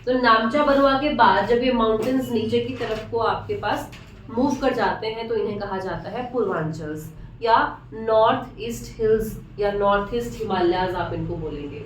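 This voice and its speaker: A woman's voice: fairly high pitch, moderate pace, a little hiss or hum. A woman teacher lecturing at a board, repeating key terms and asking and answering her own questions. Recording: echoey room from far off.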